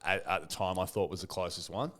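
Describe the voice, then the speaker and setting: A man's voice: low voice, fairly even intonation, quick pace, a bit bright. A man from Canberra with a broad Australian accent, a guest comedian in casual chat, telling anecdotes with swearing and laughter.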